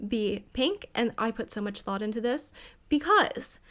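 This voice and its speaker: A young woman with a fairly high-pitched voice chats casually as she narrates a game build. She sounds over-caffeinated and excitable, rambling from thought to thought and giggling often between phrases. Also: unhurried. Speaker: gaming video creator. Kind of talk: chatty casual build commentary.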